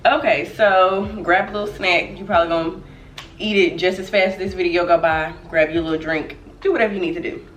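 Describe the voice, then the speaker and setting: A woman's voice: lowish voice, fairly quick, distant mic. A young woman from Dallas, chatting casually to camera as a vlogger, her voice slightly nasal from a cold. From Dallas, Texas. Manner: chatty and relaxed, laughs often. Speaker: vlogger host. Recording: echoey room, voice off-mic, faint music.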